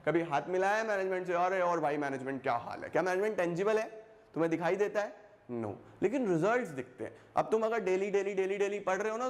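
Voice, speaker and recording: Young male commerce teacher, a bit high-voiced, lively lecture style, switches between Hindi and English, keeps firing questions back at the class. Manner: lively, repeats phrases and asks questions back to students; mixes Hindi with English terms. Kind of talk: classroom lecture to school students.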